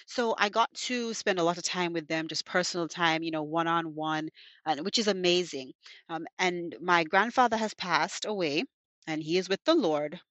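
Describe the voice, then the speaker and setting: A podcast host from the United States, partly raised in Jamaica, prays and shares personal stories in a fairly low, slightly bright voice at a moderate pace. She is fervent, thanking God again and again, and chatty, with lots of "you know" fillers. The recording is dry and close.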